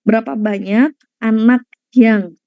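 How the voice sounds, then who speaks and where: A woman's voice: fairly high pitch, steady tone, takes it slowly, no room sound. A woman counselor giving an online parenting lecture over a video call, speaking conversationally to her listeners and slipping in English words. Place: indoors at home during a power cut. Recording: dull, lo-fi video-call audio.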